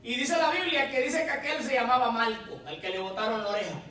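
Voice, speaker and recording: A male pastor delivering a sermon, with dramatic pauses and acted-out quotes. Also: very high voice, pushed and bright. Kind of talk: Spanish-language sermon. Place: church sanctuary. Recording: very echoey church hall from far off, with music.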